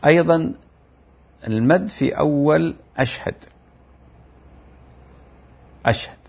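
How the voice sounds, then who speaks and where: A man giving a religious lesson, explaining mistakes in the call to prayer and chanting examples of them, in a drawn-out, repetitive teaching manner. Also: fairly high pitch, creaky. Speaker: Islamic teacher. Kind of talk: religious lecture.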